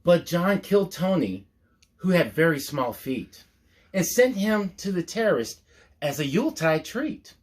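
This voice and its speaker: Here a storytime host with a sing-song voice on the high side reads aloud from a picture book. He tells it in a measured way, with the occasional mock-earnest aside.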